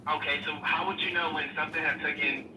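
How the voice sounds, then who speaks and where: A man calling in to a debate, firing quick questions with many restarts. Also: a little high, steady tone, echoey room, recorded from a distance, noisy background. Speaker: caller. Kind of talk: call-in debate.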